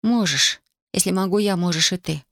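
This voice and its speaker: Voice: mid-range voice, normal speed, a bit bright, no room sound, natural voice. A reader voicing a stubborn young woman grieving in wartime, in a dry studio audiobook recording. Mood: cold. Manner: cold, insistent, pleading. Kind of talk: audiobook character voice.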